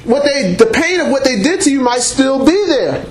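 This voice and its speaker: A man preaching and teaching the Bible to a congregation without a microphone, speaking loudly and emphatically and breaking in with exclamations of praise. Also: very high-pitched, very animated, normal speed, a little hiss or hum. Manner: loud and emphatic, with call-and-response exclamations like praise and amen. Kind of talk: sermon-style teaching to a congregation. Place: church meeting room before a congregation. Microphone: unamplified voice picked up by a room mic. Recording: echoey room recording.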